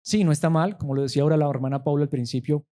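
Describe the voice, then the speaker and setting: A man's voice: a little high, very fast, mellow. A man pastor, preaching a sermon emphatically and asking his listeners rhetorical questions.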